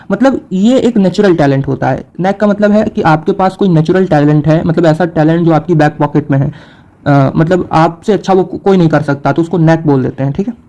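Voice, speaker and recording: A young male teacher with a warm, mellow, slightly raised voice explains words in Hindi. He reads English definitions slowly in an Indian accent and pauses on fillers to keep his students with him. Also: fairly high pitch, rough recording. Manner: frequent fillers and "theek hai" checks. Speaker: exam prep teacher. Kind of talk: vocabulary lesson.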